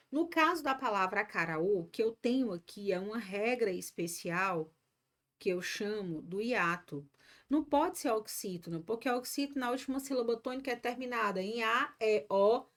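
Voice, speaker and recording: Upbeat woman teaching live. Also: a little high. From Ceará, Brazil. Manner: warm, encouraging, chatty asides to students. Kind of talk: live online grammar lesson.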